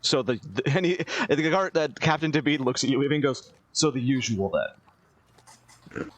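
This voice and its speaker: A man's voice: on the high side, a little fast, fairly bright tone, no echo, dull audio. A man running a tabletop role-playing game as game master over voice chat, stammering often and laughing a lot.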